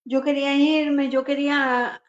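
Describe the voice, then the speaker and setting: A woman preacher tells her life story in an earnest testimony. Her voice sits high, and she acts out the lines of the people she quotes. The recording is dull and lo-fi. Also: little pitch movement, a little slow. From Costa Rica. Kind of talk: emotional personal testimony.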